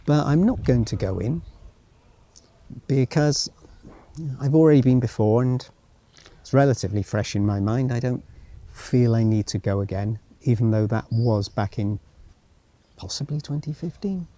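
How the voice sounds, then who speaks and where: Out on foot in a former military town, a travel vlogger thinks aloud in unscripted commentary, tossing in wry asides and reading signs now and again. His mid-range voice is warm and moderately paced, broken by long pauses.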